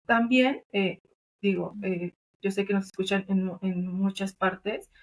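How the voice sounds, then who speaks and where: A woman with a Mexican Spanish accent speaks at an unhurried, medium pitch as a podcast guest. She works as a doula and thanatologist and explains things earnestly in a conversational interview, using lots of fillers and tag questions.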